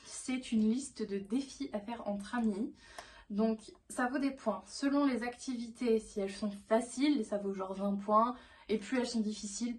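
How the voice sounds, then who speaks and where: A young woman chatting casually to her viewers as a vlogger. Her pitch sits in a typical middle range. She rambles enthusiastically and often stops to restart a sentence. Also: a little mellow. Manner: rambling, with many fillers and restarts. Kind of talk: casual vlog chat.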